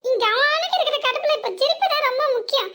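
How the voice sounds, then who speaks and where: Cartoon village wife, southern Tamil Nadu accent, very high and quick, teasing and gossipy, a woman voicing her, over a noisy background. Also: expressive, fairly bright tone. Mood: grumbling asides. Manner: fast gossipy asides muttered to herself. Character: chatty young village wife, sly and teasing. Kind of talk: comic cartoon voice acting.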